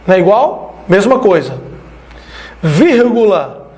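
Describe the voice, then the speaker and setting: A man from Brazil teaching an online Biblical Greek lesson, explaining slowly and checking in with his listeners as he writes on the screen. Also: sits high, very animated, a little mellow.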